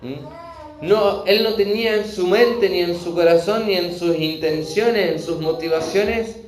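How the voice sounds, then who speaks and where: A man preaching a verse-by-verse Bible sermon, earnest, often pausing to check in with his listeners. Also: high voice, slight background noise. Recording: echoey room with faint ambience.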